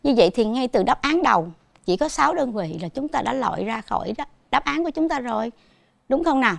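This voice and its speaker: Teaching a televised primary school math lesson, a woman with a Southern Vietnamese accent patiently questions her pupils as she goes. Her voice is fairly high, animated and brisk, with vocal fry, and the recording is dry.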